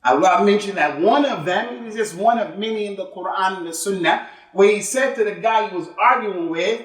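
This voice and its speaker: With a high voice and a fairly quick delivery, a male imam preaches an emphatic Friday sermon in a mosque, peppering his English with Arabic religious terms. He repeats himself for emphasis and asks rhetorical questions, recorded from a distance in an echoey hall.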